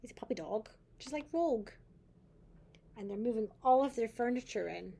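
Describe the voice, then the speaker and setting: A sweet older woman, a grandmother, reading a picture book to a small child in a gentle, grandmotherly way and pointing things out. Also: fairly high pitch, animated, normal speed, vocal fry, slight background noise.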